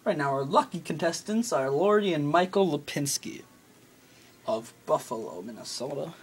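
Recorded on a camera phone held at arm's length in a small room, a young American prank caller at a desk improvises casually and haltingly. He is a teen or young adult with a husky, fairly high voice and lively intonation, and the amateur video is noisy with clicks.

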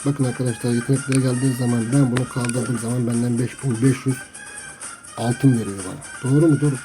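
A man's voice: medium pitch, fairly even intonation, a little fast, poor audio. Grumbling gamer man over music. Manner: chatty, grumbling, trash-talks opponents. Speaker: mobile game streamer. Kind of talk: gameplay commentary to viewers. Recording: music playing under the voice. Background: game music.

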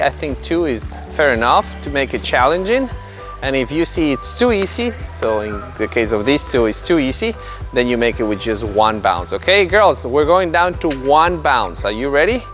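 A man's voice: mid-range voice, fairly bright tone. A man in his thirties coaching young children on an indoor tennis court, explaining drills to the camera and calling out commands to the kids in an upbeat, encouraging way. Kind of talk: instructional video narration.

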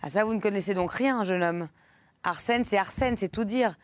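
An eccentric male doctor with a macabre streak, full of knowing enthusiasm, as a woman reads him aloud. He sounds delighted with dark things. The storybook reading is close and dry. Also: medium pitch, moderate pace, no echo, lightly acted. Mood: condescending.

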